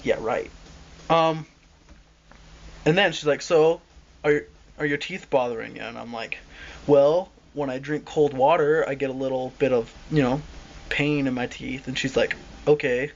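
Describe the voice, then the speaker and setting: A man's voice: medium pitch, steady tone, measured pace. A young man telling a rambling, exasperated story in casual vlog style and acting out the people he quotes. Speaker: vlogger. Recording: dull lo-fi home video with faint hiss.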